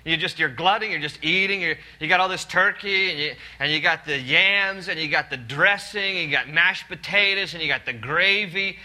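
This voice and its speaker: A man preaching a sermon, animated and acting out the people in the story with put-on voices. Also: fairly high pitch, moderate pace, hardly any pauses. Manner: animated, acts out quoted characters in put-on voices. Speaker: pastor.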